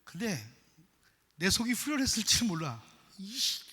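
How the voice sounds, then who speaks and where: A middle-aged man preaching a sermon as pastor, emphatic, swinging from loud exhortation to quiet confession. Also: sits high, big pitch swings, a little slow, slightly rough. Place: church sanctuary. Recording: long church hall reverb.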